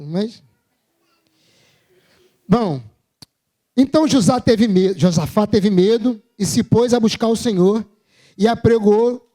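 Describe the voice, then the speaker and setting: A man's voice: sits high, warm tone. A Brazilian man preaching a sermon at a church service, telling personal stories in a humorous, self-mocking, conversational way.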